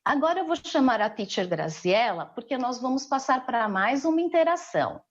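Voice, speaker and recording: A woman's voice: a little high, big pitch swings, normal speed, dull audio. A woman with a Brazilian Portuguese accent teaching an English class remotely, explaining patiently and checking in with her students.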